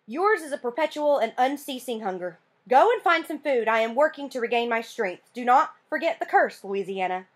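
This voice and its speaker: A woman's voice: fairly high pitch, lively intonation, normal speed, hardly any pauses, husky, voice pushed up. A woman reading aloud, voicing a tired, stern elderly grandmother who speaks in a weary, formal, commanding way.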